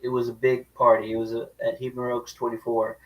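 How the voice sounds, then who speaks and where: A man co-hosts a casual film chat in a measured, thoughtful tone. His voice sounds a little distant from the microphone. He speaks at a middling pitch. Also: monotone. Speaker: co-host.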